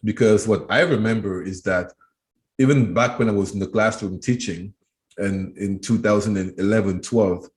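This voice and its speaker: Speaking at normal speed with a fairly low pitch, this interview guest is a man in his thirties from Cameroon who works as an education trainer. He replies with care, circling back and repeating words as he works out what to say.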